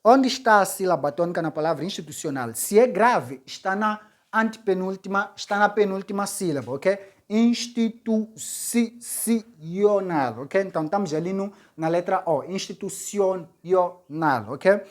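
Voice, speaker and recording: A woman's voice: mid-range voice, fairly quick. A woman teacher, working through an exam question step by step, repeating key words and checking in with "ok?". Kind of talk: exam-solving lesson.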